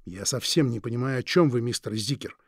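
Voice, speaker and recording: A man's voice: medium pitch, brisk, breathy edge, no room sound, studio quality, lightly acted. A man voicing a firm, indignant British husband and shopkeeper in an audiobook.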